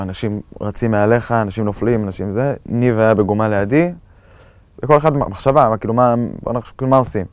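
Shaken young man, low dry voice. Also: darkish tone, clean tone, no echo. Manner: halting, full of fillers and restarts, shaken. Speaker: eyewitness recounting an attack. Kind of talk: personal testimony.

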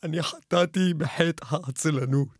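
A man playing a lazy grown man who calls a radio show to confess his sins, rambling in a whiny, creaky voice. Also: steady tone, no echo, studio quality. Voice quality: high-pitched and creaky. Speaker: radio caller. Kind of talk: comic radio sketch.

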